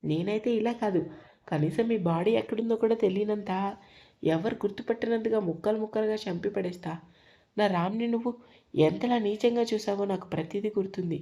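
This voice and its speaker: A woman's voice: medium pitch, a little fast, dark tone, natural voice. A woman voicing a furious young wife in a storybook reading, menacing and cold as she threatens her in-laws.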